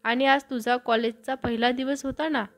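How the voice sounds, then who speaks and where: A woman voicing a gentle, reassuring young man in a storybook tale, speaking in a soft, encouraging tone. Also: high-pitched, steady tone, normal speed, natural voice.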